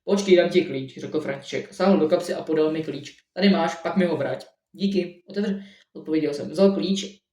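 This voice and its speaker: A man narrating his own story in the first person in a halting amateur reading with frequent restarts. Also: a little high, warm tone. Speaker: audiobook narrator. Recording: roomy echo, mic at a distance.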